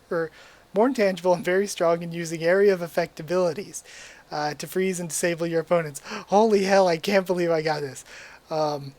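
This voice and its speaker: Speaking into a desk mic at his webcam setup, a young man with a slightly high voice chats through a quiz for his YouTube channel. He's relaxed and rambling, sprinkling in lots of ums and likes, while his voice is going.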